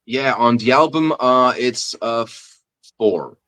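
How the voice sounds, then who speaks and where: A Flemish rapper from Belgium, whose first language is Dutch, chats casually as an interview guest. He speaks haltingly with many fillers and restarts and laughs often. His mid-range voice has a sharp tone, with no room sound.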